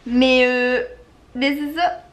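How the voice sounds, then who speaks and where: A woman's voice: high-pitched, flat delivery, slow. A Québécois woman casually vlogging at home on her couch, chatty, laughing often and cooing at her dog. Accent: Québécois French. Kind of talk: casual home vlog talk.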